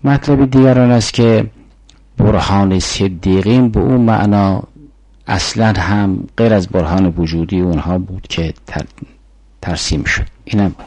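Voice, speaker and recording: A man's voice: low-pitched, steady tone, a little mellow, no echo, rough recording. An older man giving a formal philosophy lecture, explaining arguments step by step and reciting Arabic syllogisms.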